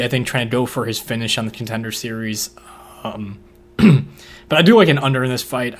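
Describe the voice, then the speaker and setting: A laid-back man talking through fight picks in casual conversation. His voice sits at an everyday middle pitch. He rambles along with slang and fillers. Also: fairly bright tone. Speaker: podcast co-host making fight picks. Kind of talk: casual chat.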